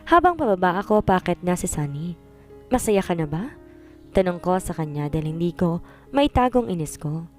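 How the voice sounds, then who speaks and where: A woman's voice: fairly low pitch, sing-song, a little fast, soft background music. A woman narrating a dramatic first-person story, plaintive and emotional, voicing the heroine.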